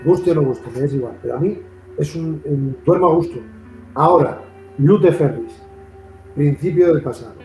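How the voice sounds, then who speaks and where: A man with a Castilian Spanish accent hosts a casual interview, telling long, repetitive stories. His voice sits a little high for a man but sounds dark and mellow. A roomy echo surrounds him, with faint guitar music underneath. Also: moderate pace. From Madrid, Spain. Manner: long rambling, repetitive storytelling. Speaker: interview host. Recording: echoey room.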